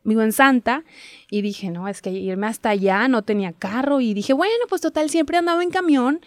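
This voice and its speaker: A young woman, telling her story as a guest in a casual interview, chatty and quick to laugh. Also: on the high side, animated, no room sound. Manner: chatty storyteller, laughs often, acts out quotes. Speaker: guest, TV reporter.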